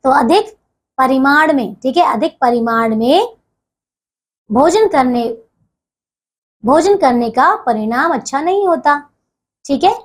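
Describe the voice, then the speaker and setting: High-voiced woman teaching grammar to kids. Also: lively intonation, slow pace, long pauses. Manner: patient, repeats "dekhiye" and "theek hai" often. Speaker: school teacher. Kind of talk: explaining a grammar lesson to children.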